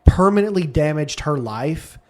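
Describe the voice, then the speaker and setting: A man co-hosting a podcast, casually retelling a guest's story in an animated way. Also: on the high side, normal speed. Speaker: podcast co-host. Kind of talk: casual chat.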